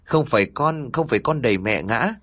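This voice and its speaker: A man's voice: mid-range voice, expressive, normal speed, fairly bright tone, no echo. A man voicing a frightened little boy who speaks in a shaky, pleading voice. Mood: scared pleading.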